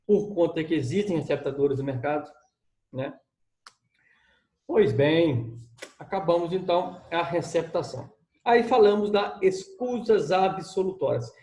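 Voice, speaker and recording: A man giving a lively, conversational law lecture to students. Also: fairly high pitch, reverberant.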